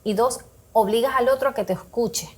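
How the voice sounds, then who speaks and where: Higher-pitched woman explaining calmly on a talk show. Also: a little fast, husky. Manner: explains with examples, acts out quoted self-talk. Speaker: guest speaker on emotional health.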